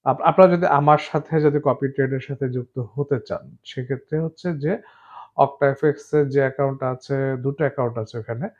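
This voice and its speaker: A man talks through an explainer at an even, middling pitch, pausing often and restarting his sentences, with English terms slipped in. The recording sounds dull and lo-fi. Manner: hesitant, many filler sounds and restarts, mixes English terms. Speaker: forex trading promoter. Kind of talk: casual explainer talk to camera.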